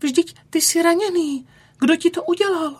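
A woman's voice: extremely high pitch, a little mellow, voice pushed up. A woman voicing a tiny, timid male elf in a children's story. He speaks earnestly and a little fearfully.

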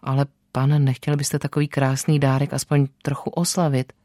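A man's voice: medium pitch, flat delivery, no room sound, clean studio sound, natural voice. A radio host reading aloud the lines of a cheerful village postman in a Christmas story, in a plain storybook voice. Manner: cheerful, gently read.

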